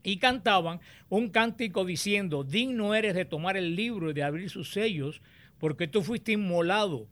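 A man teaching on the Bible, explaining and reading scripture aloud in a deliberate, explanatory way. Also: on the high side, a bit bright.

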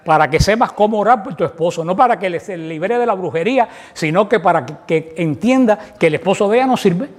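High-voiced man preaching a sermon. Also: expressive, fast talker, hardly any pauses. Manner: asks rhetorical questions and acts out everyday prayers. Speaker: preacher leading a Bible study.

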